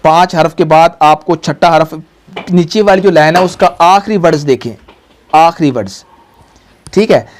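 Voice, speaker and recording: A woman's voice: deep voice, moderate pace, a little hiss or hum. A woman, a Quran teacher patiently guiding a pupil, drawing out each syllable and having it repeated. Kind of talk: patient recitation lesson.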